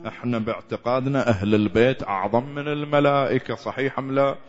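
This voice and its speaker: A man's voice: mid-range voice, fast talker. Man, Iraqi accent, passionate sermon, rises and drops, chanted bits, dull lo-fi recording. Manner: impassioned, swinging from loud to hushed, sometimes chanting. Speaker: preacher. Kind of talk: Shia mourning sermon.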